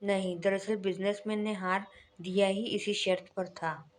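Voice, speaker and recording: A woman reading short jokes aloud in a steady, even storytelling manner. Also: mid-range voice, measured pace. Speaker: joke teller.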